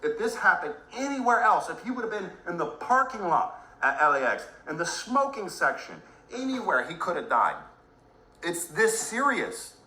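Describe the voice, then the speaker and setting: A man's voice: sits high, big pitch swings, moderate pace, sharp tone, roomy sound, rough recording. A man ranting angrily on a livestream, swearing heavily, angry and emotional. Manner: heavy swearing, furious and emotional. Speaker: livestream host.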